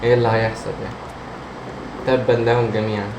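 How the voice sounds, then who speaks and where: A man's voice: lowish voice, moderate pace. Jumpy Egyptian man gaming in an echoey room. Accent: Egyptian Arabic. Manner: jumpy, talking to himself and to game characters. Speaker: gamer, let's player. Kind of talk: casual horror game commentary. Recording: roomy echo, steady background hum and noise.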